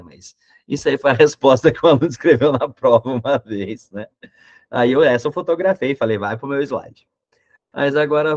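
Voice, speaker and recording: A man's voice: fairly high pitch, no room sound, dull audio. A man teaching an online grammar lesson, explaining in a chatty way and checking in with his students. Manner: chatty, explaining with many tag questions.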